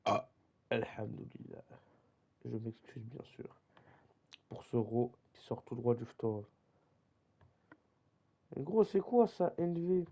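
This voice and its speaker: Over a desk mic, a young football-league streamer chats casually through a live game, teasing viewers in slang and constantly saying "gros." His mellow mid-range voice is expressive but slow, with long pauses.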